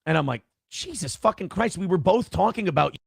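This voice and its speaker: A man with a somewhat high, gravelly voice tells a tangled personal story in casual, profane, rambling talk. The sound is close and dry. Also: lively intonation, fairly quick, no room sound. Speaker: guest telling his story. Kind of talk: casual storytelling on a call-in show.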